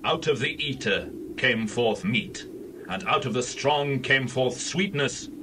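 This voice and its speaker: A man playing a proud, vengeful biblical strongman in a dramatized scripture reading, speaking in a deliberate, declamatory way. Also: mid-range voice, animated, noisy background. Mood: challenging.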